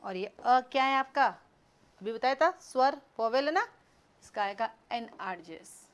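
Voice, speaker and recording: A woman teaching an online class, quizzing students, brisk and scolding, mixing in English words. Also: fairly high pitch, lively intonation, clear, resonant tone. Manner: mixes Hindi with English words.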